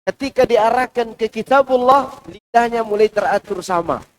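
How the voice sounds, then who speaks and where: A male preacher giving a Quran commentary lecture in a large mosque, with a lively delivery that swings between loud and hushed. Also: extremely high pitch, moderate pace, poor audio. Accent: Indonesian.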